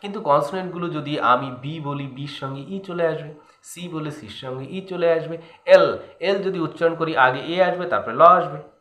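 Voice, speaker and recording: Bengali-accented young male teacher, crisp and bright, asks and answers his own questions, echoey room. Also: fairly high pitch, moderate pace. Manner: asks the students questions and answers them himself. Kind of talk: grammar lesson.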